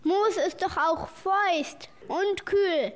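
A woman's voice: very high-pitched, drawn-out words, heavily acted. A woman playing a bossy, eager child hero in a children's radio play. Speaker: child hero who flies the helicopter.

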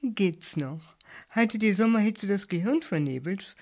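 A woman's voice: medium pitch, lively intonation, a little slow, a little mellow. A woman voicing a skeptical male journalist who mocks his friend with exasperation, in a German audiobook story. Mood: exasperated. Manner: mocking, exasperated.

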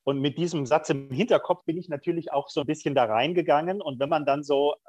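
A man's voice: a little high, quick pace, a little mellow, no echo, muffled recording, soft background music. A middle-aged man, a prison chaplain, speaking candidly and thoughtfully in an interview, with frequent hesitations. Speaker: prison chaplain, podcast guest. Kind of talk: reflective conversational interview.

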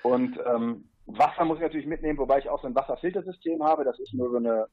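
A man's voice: medium pitch, fast talker, breathy edge, muffled recording. A man as a podcast guest, explaining his trip in a rambling way with asides and fillers. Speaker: guest, paddler on a long river trip. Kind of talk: casual podcast interview.

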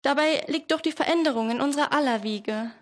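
A woman's voice: high-pitched, fairly quick, lightly acted. A teenage woman voicing a brave verb who pleads earnestly for tolerance. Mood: pleading. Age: teens.

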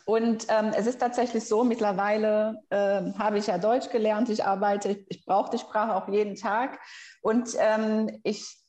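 A woman's voice: mid-range voice, flat delivery, a little slow, darkish tone, roomy sound. A woman from Brazil, a linguist guest in a podcast interview, explaining things with frequent hesitations. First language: Brazilian Portuguese. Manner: explanatory, many hesitation fillers.

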